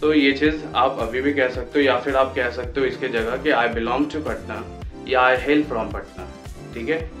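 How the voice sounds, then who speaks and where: A man in his twenties from Patna, India, teaching how to introduce yourself in English and slowing right down for each example sentence. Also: mid-range voice, steady tone, fairly bright tone. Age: 20s. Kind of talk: Hindi-language lesson on English phrases. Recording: echoey room with faint music.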